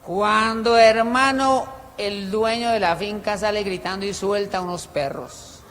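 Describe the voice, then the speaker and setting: A man preaching a sermon to a congregation in a church hall, animated and swinging between loud and quiet, telling stories with humor. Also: sits high, measured pace. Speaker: pastor. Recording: long hall reverb.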